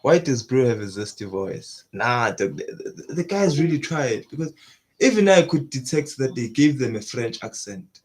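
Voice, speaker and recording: A young man hosting an anime reaction, chatting casually in slang and breaking into excited bursts. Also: mid-range voice, moderate pace, breathy edge.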